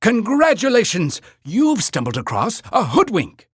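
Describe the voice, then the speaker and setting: High-voiced, animated cartoon Mayor Say-So. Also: male voice, measured pace, husky, dry recording, clean studio sound, exaggerated voice. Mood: congratulatory. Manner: grandiose, theatrical, emphatic announcing. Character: pompous, earnest male cartoon mayor of a creature town. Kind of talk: scripted video game narration.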